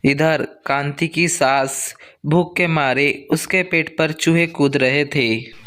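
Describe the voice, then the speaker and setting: A man narrating a cartoon story in a measured, plain storytelling manner. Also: a little high, steady tone, a bit bright, clear, resonant tone.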